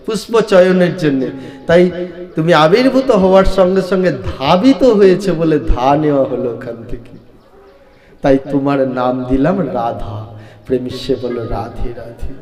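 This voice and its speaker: A man reciting scripture as a devotional storytelling sermon, slow and sing-song, speaking directly to his listeners. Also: sits high. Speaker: Bhagavata reciter. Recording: echoey hall, faint violin music.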